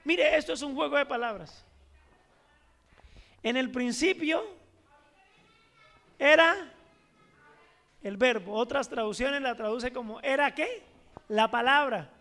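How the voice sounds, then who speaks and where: A man preaching a sermon as pastor, asking the congregation questions and reading scripture slowly with stress, swinging from loud emphasis to a near-murmur. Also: very high-pitched, in a large hall.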